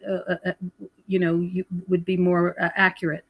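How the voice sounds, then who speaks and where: An American woman who researches prophecy and UFOs appears as a podcast guest, explaining her ideas conversationally and with emphasis. Her fairly low voice is monotone at a moderate pace, and a crowd is audible behind her.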